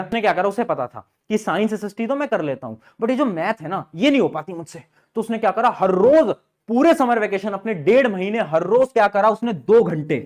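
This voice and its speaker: Young male study-advice host, high voice, talks straight to students. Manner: talks directly to students, answers his own questions. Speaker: study guidance youtuber.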